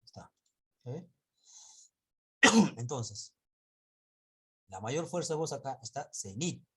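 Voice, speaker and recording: A man's voice: medium pitch, expressive, sharp tone, husky. A male teacher giving an online class, patiently drawing out example words and often correcting himself and checking in with students. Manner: patient, drawn-out word examples.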